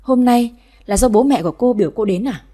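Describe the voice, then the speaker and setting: A woman voicing a stern old grandmother who rules the family, speaking in a sharp, scolding tone. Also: a little high, brisk, close to an everyday voice.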